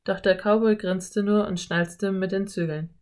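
A woman reading a children's story as narrator in an even storytelling manner. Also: medium pitch, measured pace. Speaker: audiobook narrator. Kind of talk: scripted narration.

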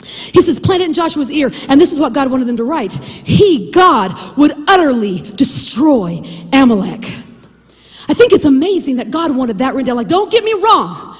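A woman preaching with a high voice. Her delivery swings widely in pitch as she drives her points home, often rising to near-shouts. The sound carries a long reverb tail. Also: moderate pace. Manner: animated, preachy, shouts and laughs for emphasis. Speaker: podcast host and Bible teacher. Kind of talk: preaching devotional podcast.

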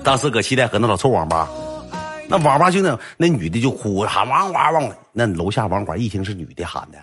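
A man with a Northeastern Mandarin accent telling a comic story on a livestream, animated and colloquial. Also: on the low side, fast talker, soft background music. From Northeast China. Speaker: storyteller streamer.

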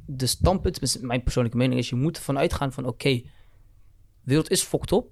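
A young man argues his opinion at a very quick pace. His casual speech mixes slang with English words, at a medium pitch. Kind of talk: casual discussion.

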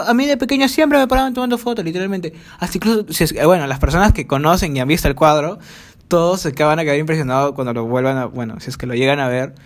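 A man rambling through childhood stories on his podcast, swearing freely, mocking himself and piling up fillers. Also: fairly high pitch. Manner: crude swearing, chatty, self-mocking, many fillers. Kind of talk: rambling storytelling monologue. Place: home, recording alone.

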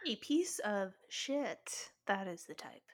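A woman co-hosting a podcast in casual chat, talking animatedly with frequent swearing and lots of "like". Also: mid-range voice. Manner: animated, swears often, fast talk with many likes. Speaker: podcast co-host.

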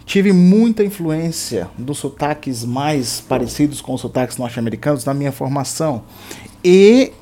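A man teaching English in a patient, step-by-step language lesson, repeating words slowly for practice. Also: fairly high pitch, dark tone.

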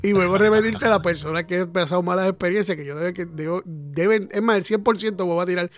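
A man's voice: sits high, quick pace, no echo. A man hosting a casual comedy podcast, laughing often and swearing freely. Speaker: podcast host.

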